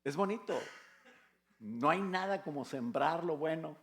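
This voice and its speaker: An older man with a Mexican Spanish accent preaches a sermon in church, keeping it conversational with rhetorical questions and jokes. His voice is a little high and fairly bright, animated but measured in pace.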